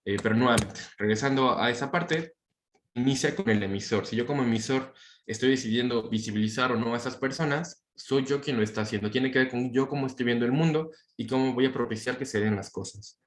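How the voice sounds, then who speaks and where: A man's voice: medium pitch, fairly quick, echoey room. Chatty young man lecturing. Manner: conversational, many fillers and tag questions. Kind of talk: university talk on inclusive language.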